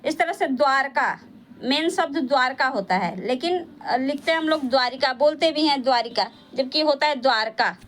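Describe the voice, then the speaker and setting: A woman with a high, light voice gives an exam-prep lesson on Hindi spelling. She explains patiently, stopping often and filling the gaps with small hesitations. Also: fairly bright tone. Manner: patient, explanatory, with frequent pauses and fillers. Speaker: Hindi teacher.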